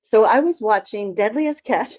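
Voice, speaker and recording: Speaking on the high side with lively intonation and a slightly mellow quality, an Alaskan woman filmmaker shares anecdotes chattily in her conference talk. She moves at a normal speed, and the recording is dull and lo-fi.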